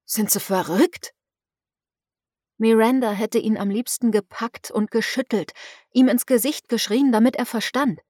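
A woman reading a novel aloud as an audiobook narrator, in a measured, even way. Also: on the high side, no room sound, clean studio sound. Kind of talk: scripted narration.

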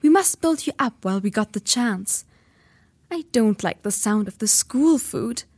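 A woman doing Aunt Petunia, a high, doting aunt. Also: lively intonation, measured pace, darkish tone, no room sound. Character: doting fussy middle-aged aunt.

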